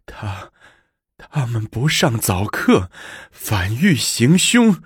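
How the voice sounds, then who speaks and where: A man voicing a flustered, indignant middle-aged female abbess who stammers and speaks slowly. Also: medium pitch, big pitch swings, slightly rough, dry recording, studio quality, heavily acted.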